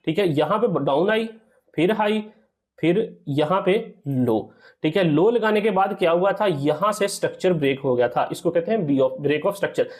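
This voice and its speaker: A man's voice: high-pitched, lively intonation, normal speed, a little mellow. A man, explaining a trading strategy over a screen recording, often checking in with "theek hai" and calling viewers "sir". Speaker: trading teacher.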